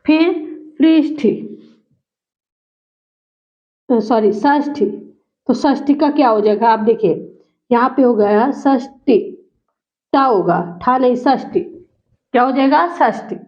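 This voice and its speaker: A woman teacher with a high voice walks her students through spelling and pronunciation. She says each word again and again, slowly and deliberately. The recording sounds dull and lo-fi. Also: animated, darkish tone. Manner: repeats words slowly to drill pronunciation. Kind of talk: spoken grammar lesson.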